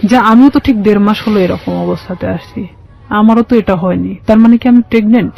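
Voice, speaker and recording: Speaking a little fast at a medium pitch, with a creaky voice, a woman with a Bangladeshi accent gives personal testimony as an interview guest. She tells it colloquially, quoting what people said, and the audio is dull.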